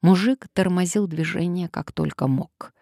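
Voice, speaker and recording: A woman narrating an audiobook in a steady storytelling manner. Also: lowish voice, unhurried, creaky, no echo, studio quality. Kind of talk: scripted narration.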